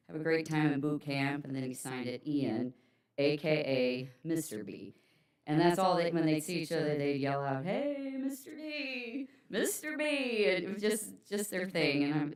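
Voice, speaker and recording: A woman's voice: deep voice, darkish tone. A middle-aged woman giving a chatty, rambling memorial speech full of ums and personal stories. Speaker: eulogy speaker, friend's mother. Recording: echoey hall, mic far off.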